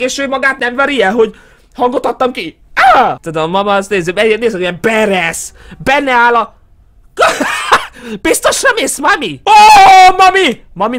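A man giving let's play commentary on a horror game, breaking into loud screams and panicked shouts. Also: extremely high pitch. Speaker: gaming YouTuber.

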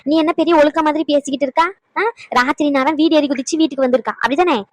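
A woman plays a sarcastic old grandmother in a cartoon. She talks fast in a high voice and scolds her grandson. The sound is dry and close. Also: fairly even intonation, dry recording, lightly acted, low-quality recording. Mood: scolding.

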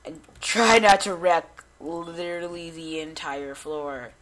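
A man giving casual gameplay commentary, rambling and chatty with many restarts and quick bursts of excitement at small finds. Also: fairly high pitch. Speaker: gamer recording gameplay.

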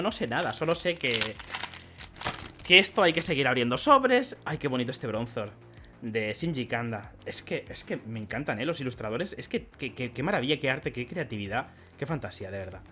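There's a little hiss or hum under the medium-pitched voice of a young man from Spain with a Spanish accent. A card collecting YouTuber, he opens trading card packs in a vlog for his channel, rambling chattily and bursting into excited shouting and laughter.

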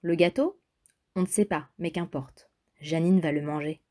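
A woman's voice: low voice, moderate pace, warm tone. A woman reading a children's story aloud in a playful, chatty way.

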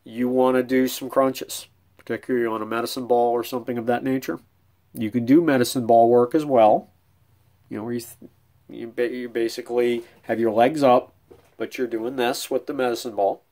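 A middle-aged bowling coach gives casual bowling fitness tips in a small room at home for an instructional vlog, talking conversationally with many ums and restarts while demonstrating with his hands. His mid-range voice is dark in tone, with fairly even intonation at a normal speed.

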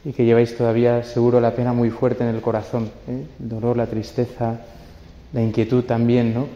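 A man's voice: mid-range voice, completely flat delivery, fairly quick, warm tone, dull audio, slight background noise. A man, a priest, giving a conversational homily at a memorial mass, often tagging his sentences with a questioning "eh?". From Spain. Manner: conversational, keeps adding a tag "eh?". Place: church. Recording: long church reverb.

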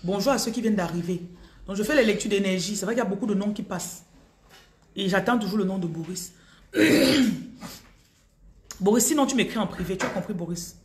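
A woman's voice: mid-range voice, a little fast, pauses often, darkish tone. A woman with a Cameroonian French accent doing a live-stream energy reading, calling viewers by name and telling them what to do. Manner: calls out viewers' names repeatedly, gives direct advice. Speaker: spiritual reader on a live stream. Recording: roomy echo.

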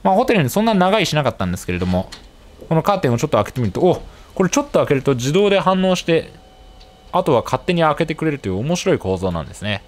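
Lively fast-talking man narrating travels. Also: a little high. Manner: chatty, explanatory, lightly joking asides. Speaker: travel vlogger.

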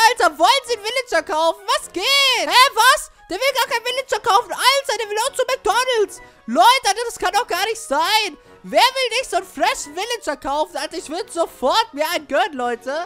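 A young woman with a very high, piercingly bright voice, giving Let's Play commentary. Her talk is excitable and full of youthful street slang, with faint music underneath. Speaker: gaming YouTuber.

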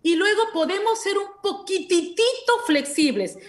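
A woman's voice: extremely high pitch, expressive, a little slow. A woman voice teacher with a Mexican Spanish accent, giving patient masterclass coaching with affectionate diminutives and short sung examples.

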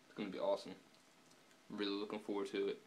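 A young man speaks at a slightly low pitch, dip tucked in his lower lip. He rambles casually to the camera at home, laid-back and swearing often. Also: completely flat delivery, quick pace, a little mellow, slight background noise. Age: young adult. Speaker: vlogger. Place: indoors, room at home. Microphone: camera on a subwoofer.

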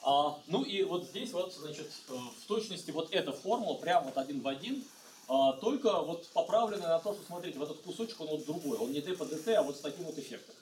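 A middle-aged man giving a university physics lecture, talking in a halting way with many fillers and restarts. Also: on the high side, animated, darkish tone, a little hiss or hum. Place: lecture room. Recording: echoey lecture hall, mic far off.

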